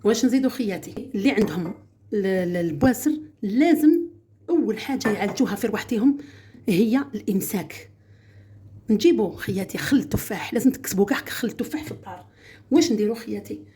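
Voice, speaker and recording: A woman's voice: mid-range voice, lively intonation, fast, warm tone, a little hiss or hum. A woman with an Algerian Arabic accent, demonstrating a home remedy in a chatty, casual way and often addressing her viewers as sisters.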